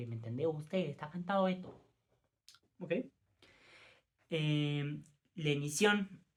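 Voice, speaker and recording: Stumbling young man giving a class lecture. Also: on the high side. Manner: stumbling over terms, frequent self-corrections; informal asides to the class. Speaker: student presenting as teacher.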